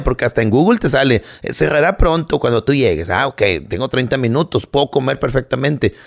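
Mexican-accented co-host, gravelly voice, heated and profane. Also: male voice, mid-range voice. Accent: Mexican Spanish. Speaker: podcast co-host. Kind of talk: casual chat.

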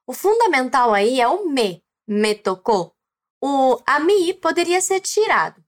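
A woman's voice: sits high, very animated, a little slow. A woman with a Brazilian Portuguese accent hosting a language lesson podcast, encouraging the listener to repeat after her. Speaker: Spanish teacher and podcast host.

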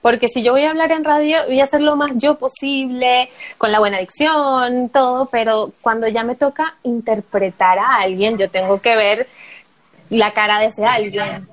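A woman's voice: a little high, normal speed, poor audio. A woman from Venezuela, a voice actor talking casually in an interview and acting out her examples. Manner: lively, acts out examples, laughs often. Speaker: guest, voice actor and announcer.

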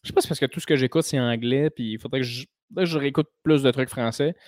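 Casting: Québécois man, podcast host, loose and jokey, swears a lot, medium pitch, dry close mic. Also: quick pace, no room sound. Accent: Québécois French. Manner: joking, animated, swears freely. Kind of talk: casual podcast monologue.

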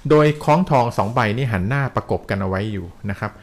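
A man narrating a ghost story to a listener in a lively, polite way, peppering it with polite particles. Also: lowish voice, quick pace.

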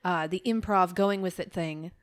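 A woman's voice: lowish voice, fairly even intonation, normal speed. Chatty woman asking questions. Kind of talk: casual podcast chat.

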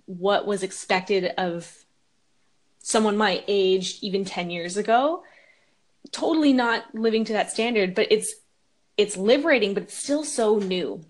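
A woman's voice: medium pitch, unhurried. A woman in her thirties hosting a podcast, explaining her views earnestly in casual chat. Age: 30s. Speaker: podcast host.

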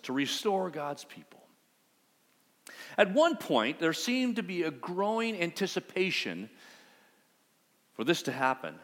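A man preaching a sermon as pastor, telling a story in a conversational, animated way. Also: on the high side, big-room sound.

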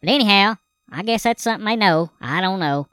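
A man's voice: sits high, expressive, fairly quick, sharp tone, clear, resonant tone, no echo, voice pushed up. A man voicing a folksy old Southern hillbilly man who rambles in a country drawl, with a Southern accent. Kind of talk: comedy character bit.

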